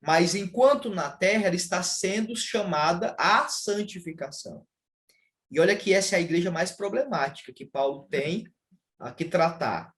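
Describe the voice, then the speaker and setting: Um pastor brasileiro explica teologia em uma conversa, de modo pausado e didático, com muitos "ah" de hesitação. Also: male voice, high voice, fairly bright tone. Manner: measured, explanatory, with frequent "ah" fillers. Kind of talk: casual theological conversation.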